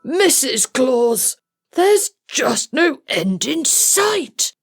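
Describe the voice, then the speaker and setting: Woman acting old Santa, storybook figure, overwhelmed, gravelly, very drawn-out delivery, light music behind. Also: sits high, sing-song, pitched above the performer's own voice, heavily acted. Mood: weary, despairing. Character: weary, overwhelmed old Santa Claus, despairing.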